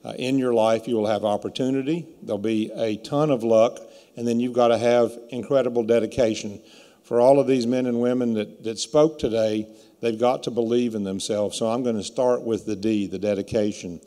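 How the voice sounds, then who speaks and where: A man in his fifties with a hoarse, rough voice gives a plain-spoken, emphatic motivational keynote speech into a stage microphone. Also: medium pitch, steady tone, moderate pace, dark tone. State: hoarse from yelling all day. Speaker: keynote speaker, entrepreneur. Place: indoor brick-walled event venue, on stage. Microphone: stand microphone at lectern. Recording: echoey hall with long reverb.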